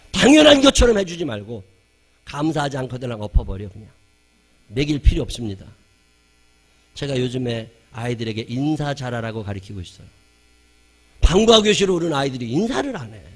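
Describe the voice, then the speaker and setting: Animated man preaching a sermon. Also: medium pitch. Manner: animated preaching, swinging between loud emphasis and quiet asides. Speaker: pastor.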